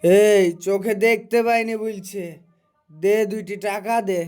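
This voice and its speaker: A woman playing a loud, indignant, foul-mouthed drunk man in a comedy sketch, ranting coarsely. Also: medium pitch, fairly even intonation, a little slow, clear, resonant tone, close to an everyday voice. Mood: bossy. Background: music.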